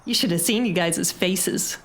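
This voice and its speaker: A woman's voice: lowish voice, a little slow, lightly acted. A sneering bully boy, as a woman narrator puts him on. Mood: mocking. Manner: mocking, smirking.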